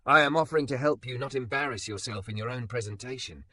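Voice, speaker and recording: A man voicing a calm, patient immigrant man who speaks softly and teases gently. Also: medium pitch, no echo, pitched above the performer's own voice. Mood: gentle. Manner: soft, gentle, measured.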